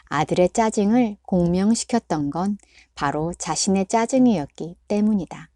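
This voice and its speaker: A woman reading a book aloud in a calm, measured audiobook narration. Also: medium pitch, no room sound, studio quality. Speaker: book reader.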